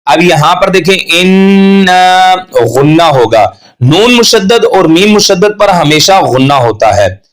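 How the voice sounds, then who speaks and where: A man teaching tajweed pronunciation, patiently correcting mistakes and slowly stretching out recited examples. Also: sits high, animated. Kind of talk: tajweed lesson with slow demonstrations.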